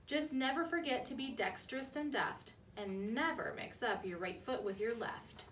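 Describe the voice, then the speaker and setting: High-voiced woman reading aloud, roomy sound. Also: lively intonation, normal speed, a bit bright. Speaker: school librarian reading aloud. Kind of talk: children's picture book read-aloud. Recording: roomy, distant mic, background noise.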